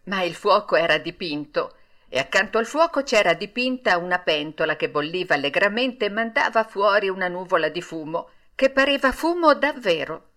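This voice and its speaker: Expressive woman reading a storybook. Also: medium pitch, moderate pace. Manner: expressive, swooping intonation. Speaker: audiobook reader. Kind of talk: storybook narration.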